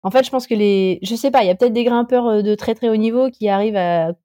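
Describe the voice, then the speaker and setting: A woman's voice: fairly high pitch, quick pace, warm tone, no room sound, clean studio sound. A woman in her thirties, a climber guest on a podcast, chatting casually and hesitantly with many fillers and restarts. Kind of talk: casual interview chat.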